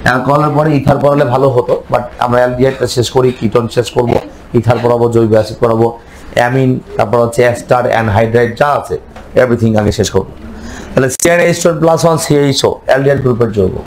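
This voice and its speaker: A man's voice: medium pitch, fast, a little mellow, a little hiss or hum, low-quality recording. A man teaching chemistry, quizzing his students and answering his own questions. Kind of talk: classroom lecture.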